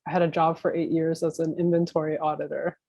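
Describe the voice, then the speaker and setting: An American woman from Miami, a new media artist, speaks casually as an interview guest, thinking aloud in an informal, rambling way. Her deep, dark voice has vocal fry, a level tone, and a quick pace, and the lo-fi recording has no echo.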